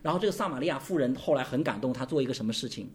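A man's voice: mid-range voice, animated, very fast. A man preaching a sermon as pastor, calling for responses and asking his listeners rhetorical questions.

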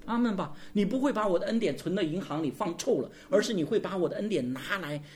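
A man's voice: sits high, lively intonation, fast talker. A man preaching a sermon as pastor, calling for responses and asking his listeners rhetorical questions.

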